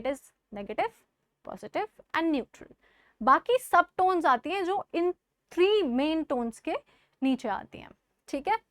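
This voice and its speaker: A woman's voice: sits high, fairly bright tone, dry recording, studio quality. A woman with an Indian accent teaching an online exam-prep lesson. She switches between Hindi and English, quizzes her students and repeats the key words.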